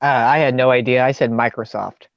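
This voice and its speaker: A man's voice: mid-range voice, steady tone, brisk, vocal fry, no room sound. A man playing a quiz over a video call on his phone. His connection breaks up, so his speech comes through in short, cut-off fragments. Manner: speaks in short broken fragments, cut off mid-sentence. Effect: choppy video call audio, connection breaking up. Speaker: quiz contestant. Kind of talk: casual chat on a video call. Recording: dull, dry, distant call audio breaking up.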